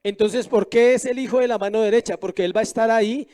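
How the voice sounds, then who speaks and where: A man with a high, light voice preaching from the pulpit. He is middle-aged and keeps throwing questions out to the congregation, then answers them himself. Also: fairly even intonation, fast, dark tone. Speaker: pastor. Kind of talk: sermon.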